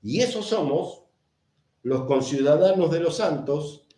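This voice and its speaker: Man, preaching, emphatic, mellow tone, roomy echo. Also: fairly high pitch, expressive, unhurried. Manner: emphatic, repeats phrases, asks and answers his own questions. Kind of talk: sermon. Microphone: camera mic. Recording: echoey room.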